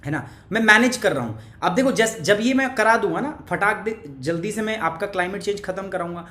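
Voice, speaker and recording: A man's voice: sits high, lively intonation, fairly quick, sharp tone. A male teacher with a cough, giving a chatty live online class and teasing viewers by name. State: has a cough. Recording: echoey room.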